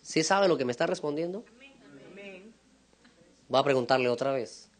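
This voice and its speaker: A male pastor preaching a sermon, telling stories with animated voices and sudden shouts. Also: medium pitch, moderate pace. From Latin America. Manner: animated storytelling, acting out voices and shouting at peaks.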